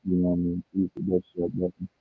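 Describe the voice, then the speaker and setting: A man's voice: low voice, completely flat delivery, fast talker, slight background noise. A man hosting a casual livestream in a laid-back, rambling way, talking straight to his viewers, his sound muffled as if heard through a wall. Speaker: livestream host. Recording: dull, muffled livestream audio.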